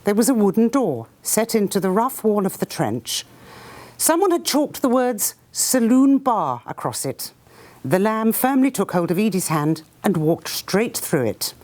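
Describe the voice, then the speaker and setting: A woman reads from her own book before a live audience, her pitch rising and falling in wide swings. She slips into voices and mimicked sounds as she goes, then talks freely with the room in a mid-height voice. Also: moderate pace. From Britain. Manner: lively storyteller who acts out sounds and voices. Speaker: author. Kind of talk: reading aloud then talking to an audience.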